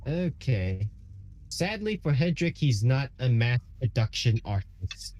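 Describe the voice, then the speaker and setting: A man's voice: mid-range voice, sing-song, takes it slowly, darkish tone. A man playing a tabletop game who muses and thinks aloud hesitantly as he plays. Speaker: player. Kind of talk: casual tabletop game play.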